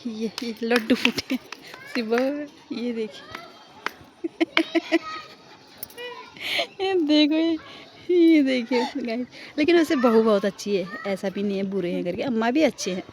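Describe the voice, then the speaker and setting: Woman vlogger, playful chatter, higher voice, phone mic on a rooftop. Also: brisk. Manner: playful, giggly running commentary to viewers. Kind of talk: casual vlog commentary. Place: outdoors on a rooftop.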